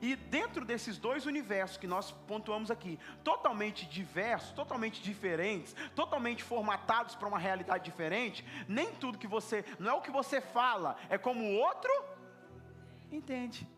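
Animated high-voiced male pastor preaching. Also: moderate pace, faint music behind. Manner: animated, repetitive, acts out dialogues. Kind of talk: sermon.

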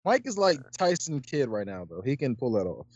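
A man's voice: mid-range voice, very animated, fairly quick, slightly rough, no echo. A man joking around as a panelist on a casual podcast. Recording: dull lo-fi mic.

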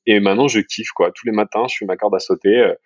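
A man from France talks about his business in a relaxed, rambling interview style, with plenty of hesitations and friendly asides. His voice sits low. The sound is dry and a little muffled, like a lo-fi recording. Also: fast talker, husky, no room sound. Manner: relaxed, filler-heavy, frequent "you know" asides. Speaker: entrepreneur guest. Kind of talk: casual conversational interview.

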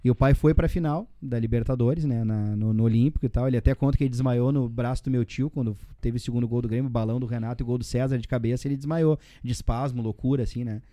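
A man's voice: mid-range voice, fairly even intonation, fast, hardly any pauses, warm tone, no echo, studio quality. A man in his forties from southern Brazil with a Rio Grande do Sul accent, rambling through memories as an interview guest, full of tag questions and slang fillers. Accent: Rio Grande do Sul Portuguese. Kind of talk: casual interview storytelling.

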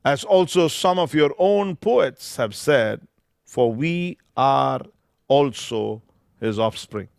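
A man's voice: mid-range voice, lively intonation, takes it slowly, vocal fry, clean tone, dry recording, studio quality. A man, a pastor preaching a sermon into a pulpit microphone, emphatic and drawing out scripture phrases word by word.

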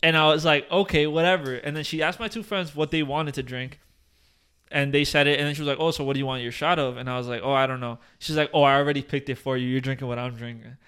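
A young man hosting a podcast, telling a long story in animated bursts, swearing and restarting his sentences, full of fillers. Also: medium pitch, fast talker, clean tone. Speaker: podcast host. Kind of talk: casual chat.

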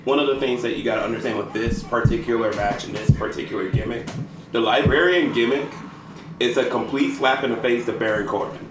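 A man's voice: mid-range voice, fairly quick. A middle-aged man from the Chicago area co-hosting a casual podcast chat, ranting and swearing, laughing often. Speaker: podcast co-host. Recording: echoey room, mic a bit far, faint noise.

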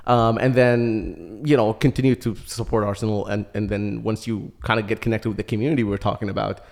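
Low-voiced Iraqi-born man telling a story. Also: steady tone, fairly quick, gravelly, a little mellow. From Iraq. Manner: storytelling, chatty, laughs often. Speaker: podcast guest. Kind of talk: casual chat.

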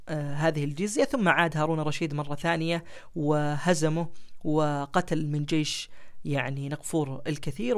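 A man's voice: a little high, vocal fry. A man telling history stories and reading old letters aloud, with frequent hesitant fillers between phrases. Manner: measured, formal delivery when reading quoted letters. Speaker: history show host.

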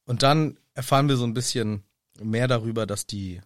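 A man's voice: mid-range voice, moderate pace, no room sound, clean studio sound. A man chatting casually about a book, sometimes playfully putting on the characters' voices. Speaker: podcast co-host.

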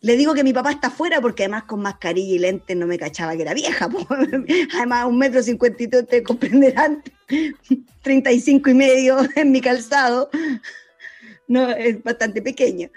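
A Chilean woman telling a story in casual chat, animated and slangy, laughing often. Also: on the high side, moderate pace.

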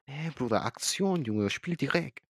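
A man's voice: medium pitch, expressive, a little slow, background noise. A man from Chile speaking German, chatting casually on a podcast, slangy and often searching for words. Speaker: podcast co-host. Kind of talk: casual chat.

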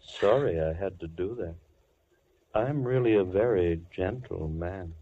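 An actor playing a soft-spoken, coldly polite madman in a 1940s radio drama. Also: sits low. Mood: menacing. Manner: slow, silky, coldly polite. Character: menacing soft-spoken male madman, middle-aged. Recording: muffled 1940s radio recording with hiss.

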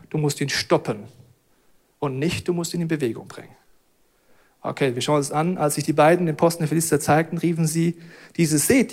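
A man preaching a sermon as pastor, reading Bible passages and speaking directly to his listeners. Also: fairly high pitch.

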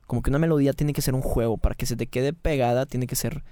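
Give me a Mexican man with a mellow, smooth voice, talking in a relaxed, slangy way on a podcast. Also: medium pitch, no echo, clean studio sound. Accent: Mexican Spanish. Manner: slangy, fast and repetitive, restarts mid-phrase. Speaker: singer and band founder, guest. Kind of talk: casual podcast conversation. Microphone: studio mic in a small treated room.

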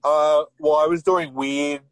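Slightly high and steady, this thirty-something man speaks a little slowly as he jokes around on a remote call with a cutting-out signal. He rambles and banters in a playfully boastful way.

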